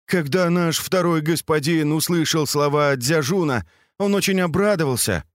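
A man reads aloud as a frightened male servant, pleading and explaining with nervous timidity. His slightly high, moderately paced delivery is pitched above his natural voice but near an everyday tone, captured in a clean studio without room sound.

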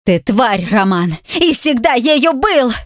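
A frightened young woman speaks up high and strained, tearful at the edges, as a woman reading the audiobook puts her on. The voice is lifted well above the reader's usual low register and recorded dry and close. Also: moderate pace, dry recording, lightly acted. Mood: defiant. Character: frightened young woman pleading, then defiant.

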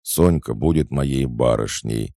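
A man's voice: rumbling low, unhurried, creaky, mellow, no room sound, studio quality, exaggerated voice. A man voicing an awkward, lovesick teenage boy in an audiobook, whining and defensive. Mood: whiny. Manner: whiny, defensive.

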